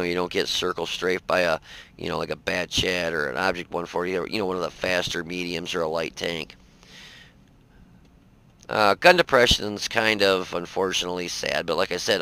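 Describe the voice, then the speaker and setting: Gravelly low-voiced man, rambling commentary. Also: sharp tone, poor audio. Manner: rambling, filler-heavy, folksy. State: tired, yawning. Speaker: game reviewer. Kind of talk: casual gameplay commentary.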